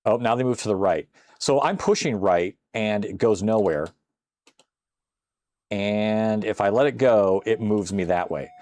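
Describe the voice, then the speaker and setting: A man's voice: lowish voice, a little slow, darkish tone, no echo. An older man casually commenting while playing a retro computer game on a live stream, chatting with viewers and exclaiming at close calls.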